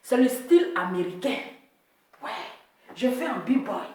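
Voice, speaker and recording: A woman's voice: on the high side, sing-song, measured pace, a little mellow. A woman hosting a casual live stream, teasing and laughing as she talks straight to her viewers and repeats herself. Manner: repetitive, teasing, often laughing, addresses viewers directly. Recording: echoey room, voice from far off the mic.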